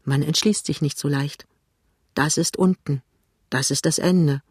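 An audiobook narrator reading a novel aloud with lively, dramatic phrasing on a close mic. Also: mid-range voice, measured pace, slightly rough, no room sound.

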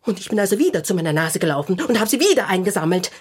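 A woman's voice: mid-range voice, big pitch swings, rapid-fire, darkish tone, slightly rough. An actress playing a grumpy, gloomy female clown in a children's radio play, talking in a sulky, self-pitying way. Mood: glum.

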